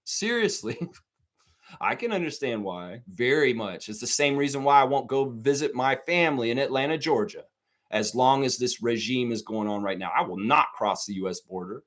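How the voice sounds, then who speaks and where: A man's voice: mid-range voice, lively intonation, normal speed, fairly bright tone. A man hosting a live sports talk stream, ranting heatedly and swearing a lot while speaking straight to his viewers. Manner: profane, heated, repetitive ranting; addresses viewers directly.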